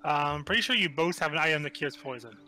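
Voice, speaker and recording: A man's voice: a little high, expressive, fast talker, bright, forceful tone, faint music behind. A man in casual chat while playing a video game with friends, giving matter-of-fact advice.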